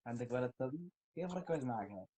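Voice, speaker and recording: Casting: male caller, fast casual chat, dark tone, muffled lo-fi sound. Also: medium pitch, animated, slight background noise.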